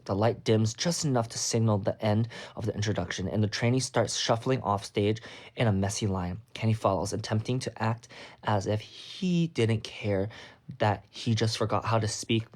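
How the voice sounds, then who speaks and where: Young guy on a phone livestream reading fanfic out loud, kinda low voice, keeps cutting in with dry little comments. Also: normal speed. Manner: breaks off to comment wryly on the text. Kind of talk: reading a story aloud with asides.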